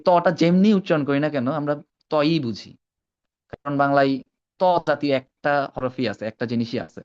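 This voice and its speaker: A man teaching an online Arabic class. He mixes in English words and keeps checking that his students follow. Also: medium pitch. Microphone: video call. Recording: dull lo-fi online call audio.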